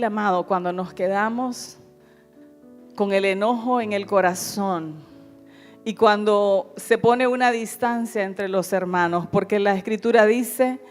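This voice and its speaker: A middle-aged woman pastor preaching a sermon in an earnest, pleading way, often calling her listeners beloved. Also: mid-range voice.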